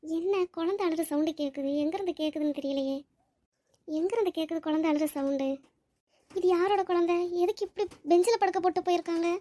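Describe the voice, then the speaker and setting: A woman's voice: very high-pitched, a little fast, dark tone. A woman voicing a young woman who took in a crying baby, fretful and pleading as she talks to herself. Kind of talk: cartoon voice acting.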